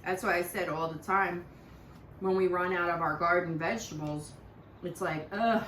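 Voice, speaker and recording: A woman's voice: on the low side, fairly even intonation, normal speed, fairly bright tone, far from the mic. A middle-aged woman co-hosting a homestead channel, chatting casually over dinner. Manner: chatty, conversational. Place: home dining room. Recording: roomy, from the mic, faint hiss.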